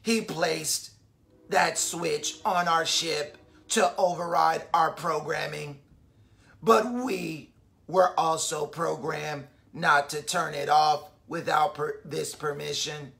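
A man voicing a polite, grateful male robot leader in a children's storybook reading, speaking low and hushed. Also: steady tone, creaky, full character voice. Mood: solemn. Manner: slow, low, hushed delivery.

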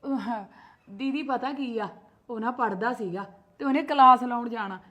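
A woman plays a protective, sharp-tongued mother in a homemade family skit, speaking with a Punjabi accent. Her voice sits a little high, and she argues and scolds, defending herself at every turn. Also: normal speed. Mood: explaining. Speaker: sister-in-law.

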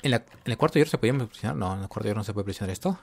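A man's voice: on the low side, animated, rapid-fire, vocal fry. A man giving casual gameplay commentary, talking to himself and getting jumpy and scared as he plays. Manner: jumpy, talks to himself while playing.

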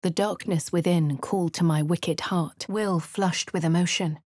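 This game performance features a woman as a posh young English adventurer, alternating quiet narration, hushed whispers and spell incantations yelled aloud. The pitch sits fairly low and the tone stays steady, a little slow and brooding, with studio quality and no echo.

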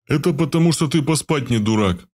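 A man voicing a big, bearded, blunt and mocking comrade in an audiobook with a rough, teasing delivery. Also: mid-range voice, expressive, brisk, a little mellow, natural voice.

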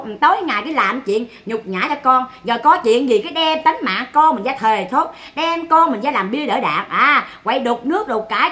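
Southern Vietnamese woman streamer, high bright voice, blunt and mocking. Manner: scolding, sarcastic, blunt. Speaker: livestreamer. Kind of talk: ranting livestream commentary.

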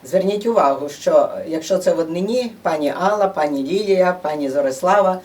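Speaking a little fast, this presenter at a museum gathering has a lowish, slightly mellow voice and lively intonation. Her talk to the audience in the museum room is informal and chatty, full of fillers as she explains things, and it's captured on a distant room microphone.

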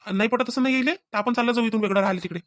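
Woman voicing a fast-talking cartoon husband. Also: a little high, dry recording, clean studio sound, lightly acted. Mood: anxious. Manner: fast, pleading and questioning. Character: young husband short of money.

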